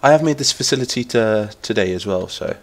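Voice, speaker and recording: A lowish, fairly quick voice with lively intonation belongs to this English streamer from Lincolnshire. Despite being nasal from a cold, he chats enthusiastically while gaming, rambling along and reading the chat out loud.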